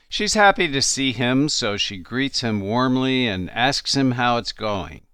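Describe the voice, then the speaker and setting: A man's voice: mid-range voice, a bit bright, smooth, no echo. A man narrating a language course in a scripted, encouraging and reassuring instructor's manner, recorded on a studio microphone.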